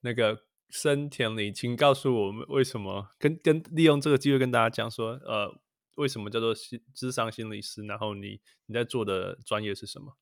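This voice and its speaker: Male podcast host, with English phrases mixed in, casual, creaky, dry recording. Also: medium pitch, fairly quick, no room sound. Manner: mixes English phrases into Mandarin.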